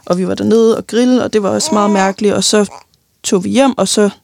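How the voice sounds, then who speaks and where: A young woman giving a halting, personal account of loss in an interview, often pausing and restarting, sometimes tearful. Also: medium pitch, steady tone, gravelly, a little mellow, a little hiss or hum. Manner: halting, many fillers and restarts, tearful at times.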